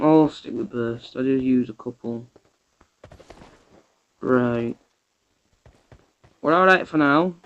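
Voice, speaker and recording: A man giving chatty, excitable gameplay commentary to his viewers. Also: mid-range voice, clean tone, lo-fi sound. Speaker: gamer.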